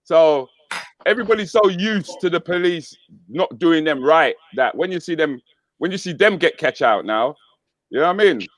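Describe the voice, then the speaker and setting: Teasing male comedian host, lively voice. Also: fairly high pitch, normal speed, dry recording. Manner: teasing, laughing often. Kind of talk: casual banter.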